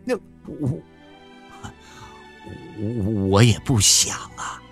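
A man's voice: fairly low pitch, expressive, extremely slow, gravelly, soft background music, full character voice. A man reading a novel aloud and voicing a blunt, conflicted farmer who stammers. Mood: pleading. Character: middle-aged farmer man, blunt, torn over divorce.

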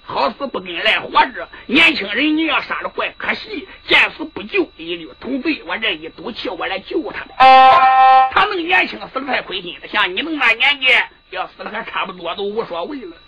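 A woman storyteller voicing a bold, sharp-tongued young noblewoman who argues back at an elder. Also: mid-range voice, very animated, brisk, muffled recording, over music. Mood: indignant.

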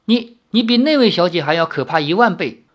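A man voicing a cheeky young male swordsman who is easily startled, asking quick, incredulous questions in an audiobook reading. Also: sits high, expressive, a bit bright, pitched above the performer's own voice.

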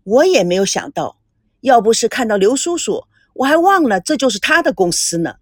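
A woman's voice: on the high side, big pitch swings, a little fast, breathy edge, no room sound, clean studio sound. A woman voicing a courteous young man from a wealthy family. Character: polite young rich man, modest and courteous.

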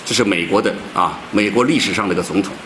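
A man's voice: fast, a bit bright, slight background noise, rough recording. A man giving a public lecture, stressing his words with big rises and drops. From China. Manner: emphatic, swings pitch widely for stress.

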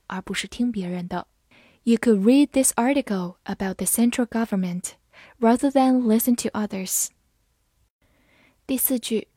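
A woman teaching English vocabulary, saying each word twice and then calmly reading out its meanings and example sentences. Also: on the high side, no echo, clean studio sound. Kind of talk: slow vocabulary drill and translation lesson.

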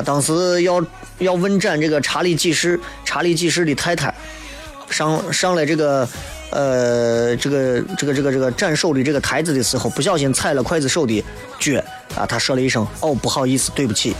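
A man's voice: on the high side, a little fast, faint music behind. A man with a Shaanxi accent delivering a colloquial, opinionated monologue as a talk show host, often throwing out rhetorical questions.

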